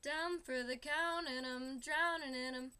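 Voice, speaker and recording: A woman's voice: high-pitched, steady tone, unhurried, faint music behind. A woman singing along as a tender, lovestruck young bride. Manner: soft sung melody.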